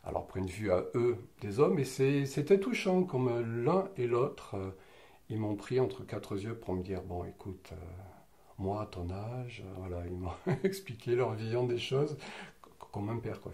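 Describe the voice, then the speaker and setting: Man, 50s, from French Catalonia, low voice, reminiscing interviewee who pauses and hesitates often. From French Catalonia, southern France. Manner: lively storyteller, laughs often, frequent hesitations. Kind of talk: personal reminiscing in conversation.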